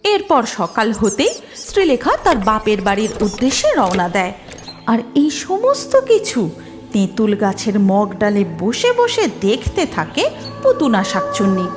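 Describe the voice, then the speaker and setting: Expressive woman narrating a cartoon tale. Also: on the high side, moderate pace. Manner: expressive, sing-song storytelling. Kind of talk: scripted storybook narration. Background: music.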